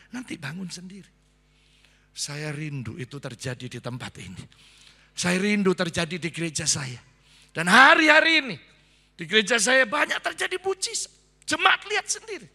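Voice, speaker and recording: A male pastor preaching a sermon to a congregation, animated and acting out the voices in his stories. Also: fairly high pitch, vocal fry. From Indonesia. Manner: animated, acts out quoted voices, addresses the congregation as "saudara". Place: large church hall. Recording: long church-hall reverb.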